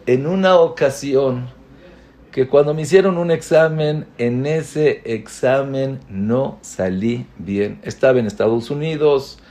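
A man delivers an inspirational religious talk at an unhurried, measured pace. His pitch sits in an ordinary middle range. He leans on repetition, stacking short phrases one after another to drive each point home. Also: a little mellow. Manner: slow, deliberate, repeating phrases for emphasis. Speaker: religious speaker.

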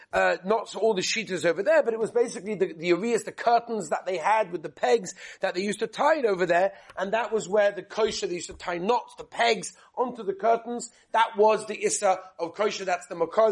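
A man with teaching a religious class as a rabbi, telling stories with rhetorical questions and repeated phrases, in a husky voice. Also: sits high, fairly quick, few pauses. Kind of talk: lively religious lesson with storytelling.

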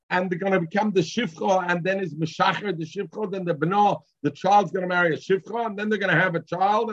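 A man's voice: fairly high pitch, husky, no room sound, lo-fi sound. A man with a Yiddish accent giving an informal Talmud lesson, reading and explaining, often repeating himself and answering his own questions. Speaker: Talmud teacher.

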